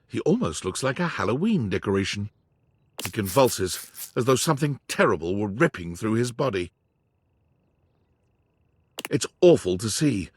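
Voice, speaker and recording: A man giving scripted narration in a video game, soft and storytelling. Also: lowish voice, big pitch swings, moderate pace, pauses often, breathy edge, no room sound, clean studio sound.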